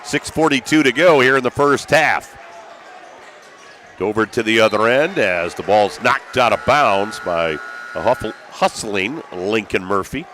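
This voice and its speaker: Working as a play-by-play announcer, this American man gives live radio commentary on a basketball game from courtside in a crowded school gym. His voice sits on the low side, a bit bright, with lively intonation and a measured pace, over gym noise and bouncing balls.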